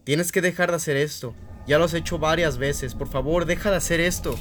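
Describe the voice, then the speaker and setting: Guy doing a stern worried mom, higher than his own voice, firm and scolding. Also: fairly even intonation, brisk, fairly bright tone, a little hiss or hum, lightly acted. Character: stern worried mother scolding her son.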